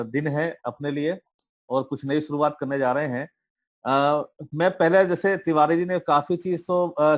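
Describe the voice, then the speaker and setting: A man speaking on an online meeting call, pitching a business plan in a motivational tone with many hesitant fillers. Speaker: presenter of crypto network plan. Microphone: online call audio.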